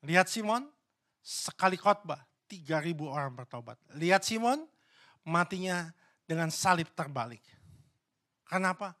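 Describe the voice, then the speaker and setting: A man preaching a sermon in a church. His voice sits high and sounds bright and forceful. He fires loud, emphatic questions at the congregation, then drops into hushed, low asides. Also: expressive, a little slow, pauses often. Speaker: pastor.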